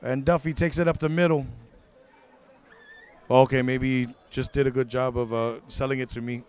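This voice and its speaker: A man doing live play-by-play for a high school football broadcast, excitable and quick to correct himself mid-call. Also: clean tone. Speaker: play-by-play commentator.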